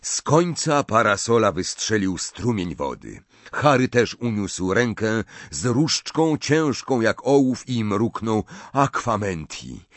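A man narrating an audiobook in a measured, expressive reading. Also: fairly low pitch, dry recording. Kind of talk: scripted storybook narration.

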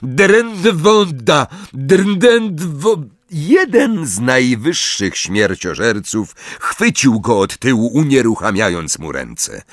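A man reading a fantasy novel aloud as audiobook narrator, in measured, dramatic storytelling. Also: fairly low pitch, huge pitch swings, dry recording, studio quality. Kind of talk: scripted narration.

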